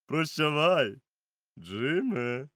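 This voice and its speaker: A man's voice: on the high side, big pitch swings, extremely slow, a bit bright, dry recording, studio quality, voice pushed up, exaggerated voice. A man voicing a kindly, resolute grown doctor who talks urgently and firmly, in a storybook reading.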